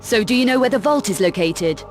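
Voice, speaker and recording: Playing a cool, tough, sardonic young adventurer in a video game cut-scene, an actress speaks in a medium pitch with lively intonation, slightly fast and near her everyday voice. Her delivery is curt, dry and probing, and loud music plays underneath the dramatic scene.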